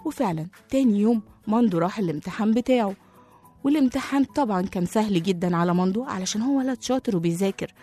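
A woman with an Egyptian accent narrating a children's story, lively and talking to young listeners. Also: medium pitch, rapid-fire, faint music behind. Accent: Egyptian Arabic.

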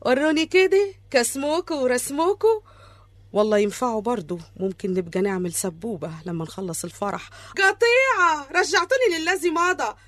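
A brash veteran wedding dancer, showy and flirtatious in her Egyptian accent. Her voice is very high, and the recording is dry. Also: lively intonation, a little fast, a bit bright, no room sound. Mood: scheming.

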